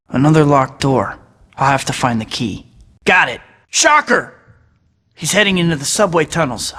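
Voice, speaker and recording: A man's voice: fairly high pitch, fairly bright tone. A young man voicing a quippy, upbeat superhero in a video game, firing off sarcastic one-liners. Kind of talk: game voice clips. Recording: long reverb on the game audio.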